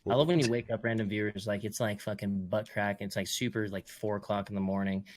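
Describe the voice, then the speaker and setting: A man's voice: on the low side, steady tone, fast talker. A man joking with friends on a casual podcast, swearing as he goes. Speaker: podcast co-host.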